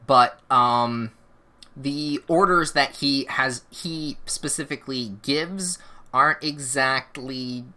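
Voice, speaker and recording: Slow, hesitant game master. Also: mid-range voice, sharp tone. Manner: hesitant, filler-heavy narration. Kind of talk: narrating a tabletop game.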